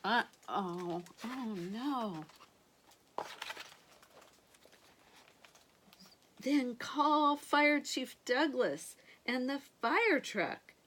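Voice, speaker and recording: Woman reading as an alarmed farmer, high and urgent. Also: lively intonation, very slow, a bit bright, heavily acted. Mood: worried, urgent. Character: alarmed male farmer calling out for help.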